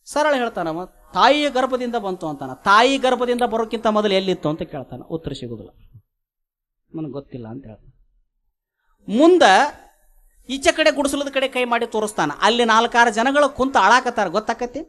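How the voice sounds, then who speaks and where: A male preacher with a North Karnataka Kannada accent, telling a story in a sermon, animated, swinging between loud and soft. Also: very high voice, fairly quick. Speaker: religious preacher.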